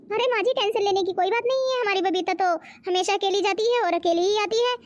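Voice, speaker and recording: A woman's voice: very high voice, fast talker. A woman voicing a patient, forgiving elder sister-in-law in a cartoon, speaking soothingly. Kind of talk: cartoon voice acting.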